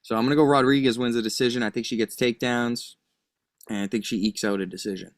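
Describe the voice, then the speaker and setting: A man's voice: medium pitch, fairly even intonation, fast, no room sound, studio quality. A man who works as a betting analyst, chatting casually and arguing his picks with lots of hedging. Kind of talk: casual chat.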